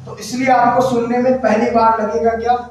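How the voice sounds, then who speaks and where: A man's voice: very high voice, flat delivery, brisk, a little mellow, a little hiss or hum. A man telling a motivational story in a loose, chatty way, often quizzing his listeners. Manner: chatty, keeps asking the listener questions. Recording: very echoey room, far from mic.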